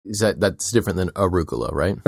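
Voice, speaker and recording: A man co-hosting a podcast in relaxed, jokey casual chat. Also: deep voice, fairly quick, vocal fry, slightly rough, no room sound, studio quality. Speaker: podcast co-host.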